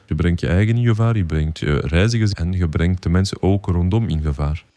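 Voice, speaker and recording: An anonymous man with a Flemish accent talks haltingly, his voice disguised and shifted unnaturally deep. The processing leaves the tone dark and murky. The sound is dry and close, with no room around it. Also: dry recording. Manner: hesitant, halting with fillers. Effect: voice disguised, pitch shifted deep by AI. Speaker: bus driver. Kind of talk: anonymous testimony.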